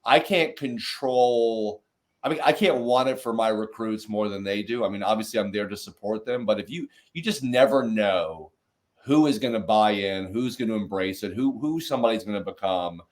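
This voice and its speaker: Energetic man hosting a casual chat. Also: on the low side, normal speed. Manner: energetic, rambling with many fillers and restarts. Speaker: podcast host.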